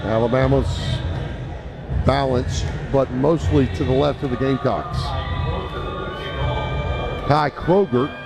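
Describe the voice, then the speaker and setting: Creaky-voiced male radio sports announcer. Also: mid-range voice, takes it slowly, pauses often, over loud music, over a noisy crowd. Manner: excitable, partisan home-team calling. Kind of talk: radio sports play-by-play commentary.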